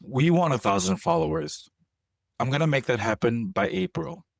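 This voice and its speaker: A young man of Korean heritage raised outside Korea co-hosts a podcast, chatting casually and playfully, joking, animated, and often correcting himself mid-sentence. His voice is a little high and gravelly at normal speed, with no echo.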